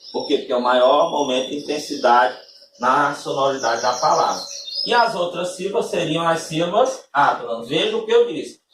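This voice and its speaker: A man's voice: medium pitch, far from the mic, a little hiss or hum. A man teaching a lesson, explaining patiently step by step and often checking in with his listeners. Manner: patient step-by-step explaining, frequent tag questions. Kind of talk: recorded classroom-style lesson. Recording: echoey room, voice from off-mic.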